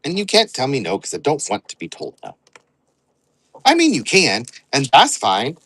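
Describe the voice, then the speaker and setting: A man's voice: mid-range voice, huge pitch swings, moderate pace, a bit bright, no echo, low-quality recording. A man hosting an online live sale, rambling and joking as he counts out items aloud. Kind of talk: casual live-selling chatter.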